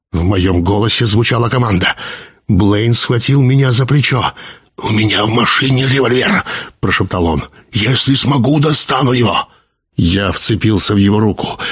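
A man with a husky, breathy voice reads a horror story aloud in the first person. His voice sits low, and his delivery is theatrical, stretching words and rising at the tense moments of the tale. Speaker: narrator. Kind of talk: dramatic audiobook reading of a horror story.

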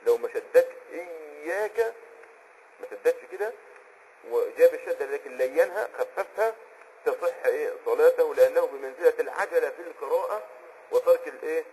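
A man with an Egyptian accent teaching Islamic jurisprudence in a conversational explanatory lesson, often pausing on a filler word while he hunts for a term and checking that the listener is following. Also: a little high, a little mellow, slight background noise, low-quality recording. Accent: Egyptian Arabic. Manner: checks on the listener with quick asides.

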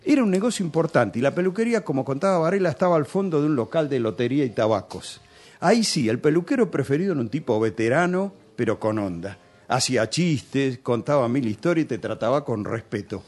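On a radio program, a man with a Rioplatense accent spins chatty, nostalgic tales sprinkled with local slang. His voice is medium-pitched, animated and a little mellow, moving a bit fast.

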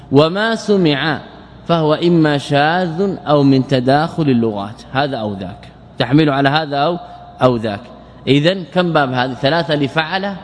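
A man teaching a lesson on Arabic morphology, slowly drilling verb patterns and quizzing his students. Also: a little high, slight background noise. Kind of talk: classroom lecture explaining verse. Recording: hall reverb with faint ambience.

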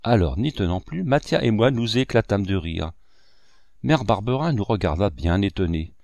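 Low-voiced man reading a story expressively. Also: moderate pace, creaky, no room sound, studio quality. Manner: animated storytelling. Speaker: audiobook reader. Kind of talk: expressive reading of a classic novel.

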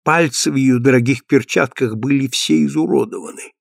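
A man's voice: medium pitch, vocal fry, no room sound, clean studio sound. Man reading a novel aloud. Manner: steady, measured literary reading. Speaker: narrator. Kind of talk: audiobook reading of a 19th-century novel.

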